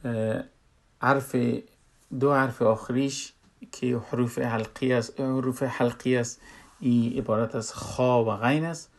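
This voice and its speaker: Man, tajweed teacher, mid-pitched, plain explanatory delivery, drills example words. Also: vocal fry. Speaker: Quran recitation teacher. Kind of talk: spoken tajweed lesson.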